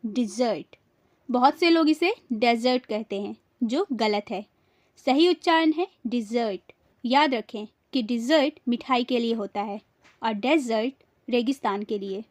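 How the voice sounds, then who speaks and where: Higher-voiced woman teaching pronunciation. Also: a little mellow, no echo. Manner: quizzes viewers and repeats each word twice. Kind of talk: scripted lesson.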